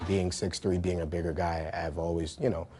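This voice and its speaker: Man in his thirties, very deep voice, hesitant, faint background noise. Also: level tone, moderate pace. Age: 30s. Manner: hesitant, with fillers. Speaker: contestant. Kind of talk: casual interview answers.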